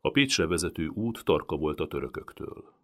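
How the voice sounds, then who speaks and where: A deep-voiced man reads a historical tale aloud. His low voice rises and falls widely, dramatic and expressive. It is a lively audiobook narration. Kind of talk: audiobook reading of a historical novel.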